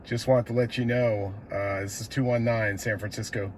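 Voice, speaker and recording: An American CB radio operator makes station calls and chats casually in a laid-back, slangy style. His lowish voice is steady and at normal speed, with clear radio noise in the background.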